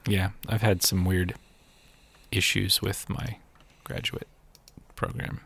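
A man's voice: sits low, fairly even intonation, takes it slowly, creaky, a bit bright, slight background noise. A young man co-hosting a podcast in a casual, rambling chat, with frequent restarts and laughs. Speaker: podcast co-host.

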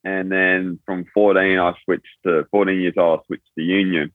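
A man's voice: low-pitched, little pitch movement, moderate pace, no echo. A man in his twenties with an Australian accent, a rugby player telling his story in a laid-back, rambling, slangy way. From born in Thailand, raised in rural New South Wales, Australia. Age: 20s. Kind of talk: casual interview chat. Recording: tinny phone-like line, dry.

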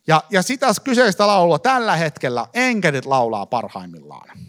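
A man giving a lively sermon to a congregation in a church hall, talking to them directly. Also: on the high side. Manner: lively, fillers and restarts, addresses congregation directly. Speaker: preacher. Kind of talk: live sermon teaching.

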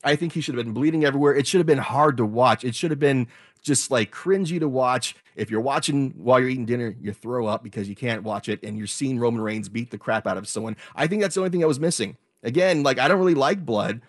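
A man's voice: mid-range voice, fast, dry recording, studio quality. A man co-hosting a radio show with casual, opinionated sports chat, rephrasing his points for emphasis.

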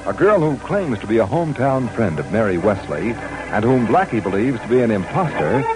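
A man's voice: on the low side, very animated, brisk, music in the background. A man announcing an old radio drama, reading a scripted recap of the story so far. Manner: scripted recap read to open a radio episode.

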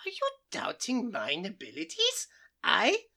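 A woman plays a manic male mad scientist with a thick put-on German accent, blustering and cackling through a comic radio play. The voice is high and bright, and it swoops wildly up and down. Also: huge pitch swings, a little slow, creaky, exaggerated voice. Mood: pompous, ranting. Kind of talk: comic old-time radio play acting.

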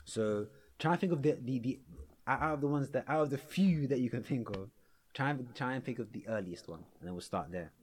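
A man's voice: medium pitch, brisk, a little mellow. A young man hosting a casual chat, probing with questions and often repeating his words. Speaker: podcast host. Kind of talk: casual conversational interview.

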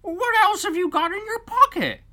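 A grave, pompous storybook bird who speaks in formal, high-flown words, as a woman reader puts him on. The voice sits high and swoops widely. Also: expressive, normal speed, sharp tone, exaggerated voice. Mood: solemn. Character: pompous solemn bird chairing a meeting.

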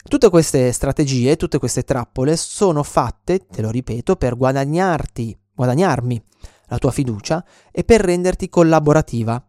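A man's voice: medium pitch, animated, moderate pace, dark tone, no room sound. Earnest male instructor, explanatory delivery, close dry mic. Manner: earnest, frequent restarts and "ok?" check-ins. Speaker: self-defense instructor. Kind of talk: explanatory spoken lesson.

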